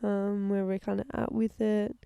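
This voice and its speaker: Brief: young woman, podcast co-host, sick and hoarse, gravelly fry, dry close sound, loose and sweary. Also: mid-range voice, level tone, normal speed, warm tone, no echo. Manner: laid-back, swears freely. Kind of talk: casual chat. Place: outdoors, lying in a hammock.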